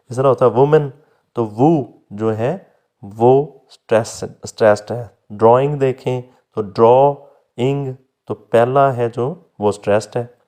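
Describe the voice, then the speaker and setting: A male teacher gives a recorded lecture very slowly, explaining patiently step by step and sounding out example words. He fondly calls his students "beta." His pitch is ordinary and middling, with a dark tone.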